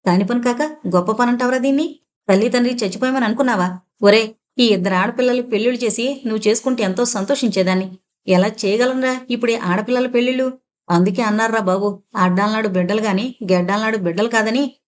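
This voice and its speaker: A woman's voice: on the high side, quick pace, lightly acted. A tearful village mother scolds and pleads in turn, her reproach heavy with worry, as a woman narrator reads her part. It is an audiobook voice, close and plain. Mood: reproachful.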